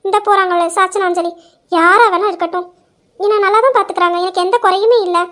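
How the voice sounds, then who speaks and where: Very high-voiced young woman, earnest. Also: steady tone, fast talker, fairly bright tone. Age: young adult. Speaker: narrator voicing a young wife. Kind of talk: dramatized story narration.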